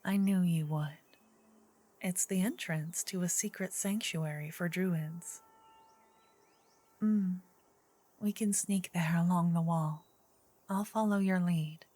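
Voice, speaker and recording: A woman playing a gentle, earnest druid in an ASMR role-play, her soft female voice slipping between breathy soft voice and low murmur. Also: steady tone, no room sound. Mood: hushed, conspiratorial. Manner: slow, gentle, intimate female voice with pauses. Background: soft medieval ambience and music.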